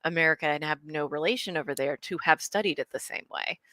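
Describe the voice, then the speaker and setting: A woman's voice: low voice, fast, sharp tone, no echo. A young adult woman from Ukraine hosting a casual book club discussion, thoughtful and hesitant with many restarts.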